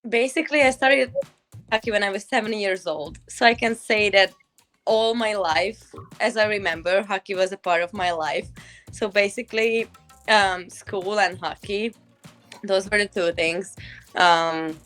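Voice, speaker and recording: A young woman with a Hungarian accent, answering casual interview questions in English at an unhurried pace, often pausing to search for words. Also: mid-range voice, fairly bright tone. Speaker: guest, professional hockey player.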